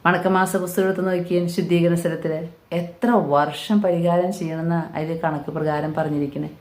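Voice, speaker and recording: A woman's voice: lowish voice, flat delivery, brisk, darkish tone. A woman giving an earnest sermon, repeating phrases for emphasis. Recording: echoey room.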